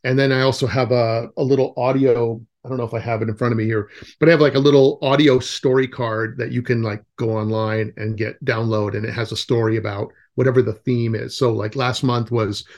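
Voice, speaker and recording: A man who is a guest forest educator in a casual podcast conversation, animated and acting out the voices of kids and parents. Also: medium pitch, fairly quick, few pauses, dull audio.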